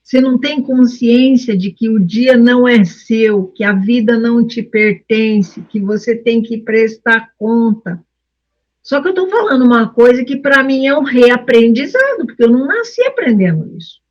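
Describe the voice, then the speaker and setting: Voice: medium pitch, lively intonation, moderate pace, lo-fi sound. An earnest participant in a Bible study group, reflecting personally and addressing the others by name.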